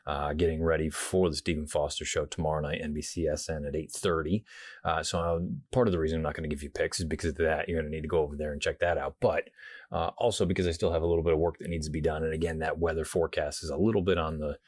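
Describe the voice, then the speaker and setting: A man hosting a horse racing show, giving casual race preview commentary in a hushed, quiet indoor voice, keeping his volume down in a hotel room. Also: a bass voice, flat delivery, quick pace, dry recording.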